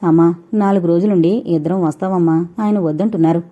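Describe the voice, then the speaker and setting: Woman reading as a gentle soft-spoken young wife. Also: lowish voice, fairly even intonation, brisk, lightly acted. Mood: pleading. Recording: dull lo-fi recording.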